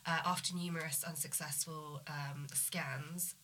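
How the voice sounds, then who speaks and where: A woman in her thirties, nasal from a cold, calmly and candidly telling her story as a guest. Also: low-pitched, unhurried, a little hiss or hum. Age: 30s. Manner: calm, candid, matter-of-fact. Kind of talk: interview conversation.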